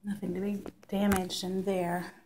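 A woman slowly narrating a walkthrough of a damp basement, thinking aloud and often clearing her throat. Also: mid-range voice, level tone, heavy background noise. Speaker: property inspector. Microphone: phone camera held while walking.

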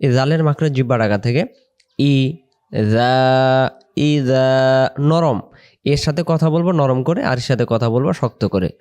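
A man teaching Quran pronunciation, explaining patiently and repeating syllables with drawn-out recitation. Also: mid-range voice, expressive, a little mellow.

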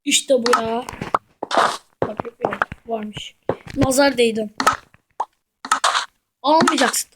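A high-pitched woman talking through a video game in casual, chatty commentary. She swings between muttering to herself and frustrated outbursts. Loud noise and clicking sit under the whole recording. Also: slow, pauses often. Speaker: gamer.

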